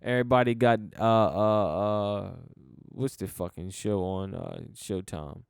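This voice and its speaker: A man's voice: low voice, measured pace, vocal fry, clean tone, no room sound, clean studio sound. A young American man hosting a casual solo podcast, rambling and laid-back with many fillers and restarts, swearing casually. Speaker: podcast host.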